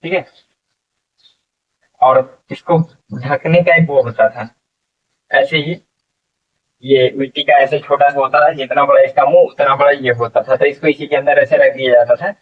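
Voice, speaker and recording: A man teaching an English vocabulary lesson, explaining slowly and repeating each word, asking questions and answering them himself. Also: mid-range voice, fairly even intonation, distant mic, narrow, tinny audio.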